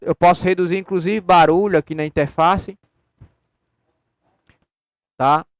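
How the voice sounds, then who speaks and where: A man talks casually through a software tutorial, explaining each step and testing his microphone with short repeated words. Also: high-pitched. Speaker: software developer demoing his program. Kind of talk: casual screen-recorded tutorial. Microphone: studio microphone through an audio interface.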